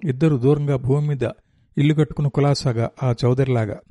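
A man reading a novel aloud as narrator, in a steady, descriptive storytelling manner. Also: medium pitch, a little fast, no echo.

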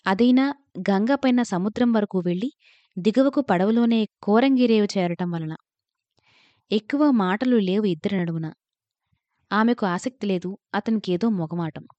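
A woman narrating a literary story in a measured, reflective reading. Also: medium pitch, warm tone, no echo. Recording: dull lo-fi, dry recording.

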